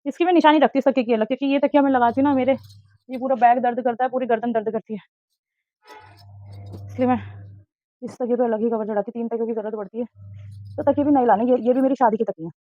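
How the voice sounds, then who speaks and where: Speaking quickly in a slightly high voice, this woman keeps a fairly even intonation and pauses often. She's a mother going about chores indoors at home, chatty, muttering to herself and telling off her kids between jobs. There's no room sound, and the audio is dry, dull and lo-fi.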